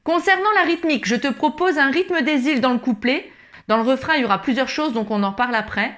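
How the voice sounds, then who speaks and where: A woman with a high voice speaks fast in a friendly online ukulele tutorial, encouraging the learner and addressing them directly. Loud ukulele playing sits underneath her voice.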